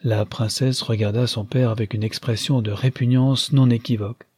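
A man narrating a novel aloud in an even, measured reading voice, close to the mic. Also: mid-range voice, slightly rough, dry recording. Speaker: audiobook narrator. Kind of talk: scripted narration.

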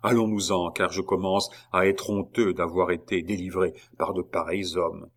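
A man's voice: deep voice, flat delivery, normal speed. A man reading aloud, voicing an earnest doctor who cries out in horror and sighs in sorrow. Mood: ashamed. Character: earnest doctor, a grown man, horrified and indignant.

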